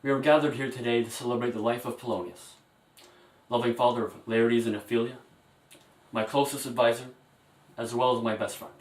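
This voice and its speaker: A man's voice: medium pitch, moderate pace, pauses often, close to an everyday voice. A man playing a grieving, scheming king cast as a president, giving a solemn eulogy. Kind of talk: amateur parody speech. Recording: echoey room, mic far off.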